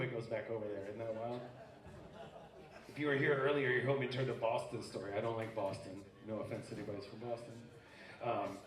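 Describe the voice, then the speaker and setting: A man performing a live comedic magic act on stage, joking bawdily with audience volunteers. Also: mid-range voice. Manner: bawdy, joking crowd banter. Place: live music venue stage. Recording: roomy venue sound from far off. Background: audience laughter.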